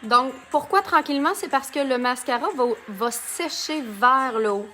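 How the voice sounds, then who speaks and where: A woman's voice: high voice, normal speed, sharp tone, soft background music. A woman from Canada with a Quebec French accent, giving a chatty live makeup tutorial and greeting viewers by name. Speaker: makeup consultant. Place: home, under a ring light.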